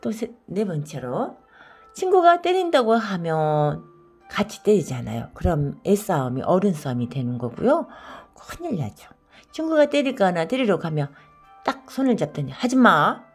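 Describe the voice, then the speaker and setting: A woman reading a children's storybook aloud in an expressive, teacherly way, speaking to children and parents. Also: lowish voice, normal speed, husky, faint music behind. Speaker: storybook reader.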